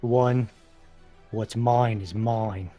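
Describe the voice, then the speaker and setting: A man's voice: lowish voice, fairly even intonation, extremely slow, warm tone, soft background music. A man voicing a creepy, gold-hungry male pirate who talks in a sly, wheedling way.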